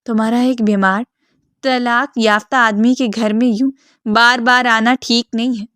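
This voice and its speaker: A woman's voice: fairly high pitch, steady tone, a bit bright, dry recording, studio quality, natural voice. A woman voicing an angry, bitter divorced man in his thirties who scolds harshly.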